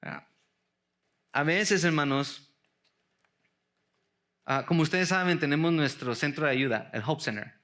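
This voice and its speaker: A man's voice: a little high, a little slow, long pauses, a bit bright. A man preaching a sermon to his congregation in a church, asking rhetorical questions, calling them brothers and slipping English words into his Spanish. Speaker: pastor. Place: church sanctuary.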